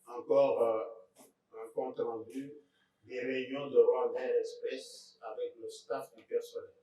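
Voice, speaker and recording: A man, reading out court exhibits as a lawyer, slow and deliberate with pointed remarks. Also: mid-range voice, flat delivery, warm tone, slight background noise. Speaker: court lawyer presenting evidence. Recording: echoey courtroom from far off.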